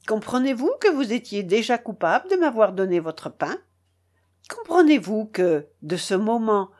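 A woman's voice: a little high, a little mellow. A woman reading the part of a proud, self-pitying male hanger-on in a storybook, with melodramatic outbursts and wounded dignity. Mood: reproachful.

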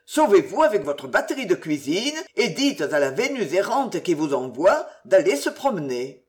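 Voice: mid-range voice, very animated, normal speed, close to an everyday voice. A reader voicing a crafty, pompous old Scottish inn waiter who preaches with mock virtue.

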